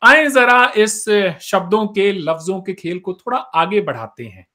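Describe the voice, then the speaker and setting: A male host talks slowly and without hurry, with a bright, high voice. He reads out a list of words one at a time. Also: expressive. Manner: unhurried, reads word lists aloud. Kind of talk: casual chat.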